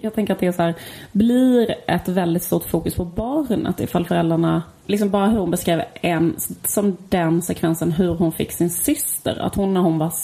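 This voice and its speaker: A woman's voice: fairly low pitch, creaky, few pauses. A woman co-hosting a podcast in casual chat, telling stories animatedly. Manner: animated storytelling, acting out quotes. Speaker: podcast co-host.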